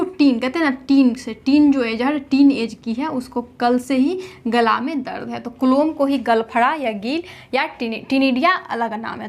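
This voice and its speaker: A woman with a notably high voice teaches a general knowledge lesson, walking through memory tricks step by step. She poses a question, answers it herself, then goes over the same point again. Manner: keeps asking rhetorical questions and answering them herself; repeats each point several times.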